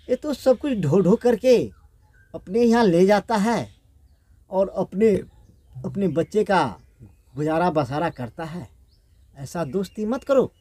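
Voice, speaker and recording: A man voicing a grieving, shrewd and quick-tempered queen who laments in a wailing sing-song. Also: mid-range voice, mellow, dry recording. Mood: warning.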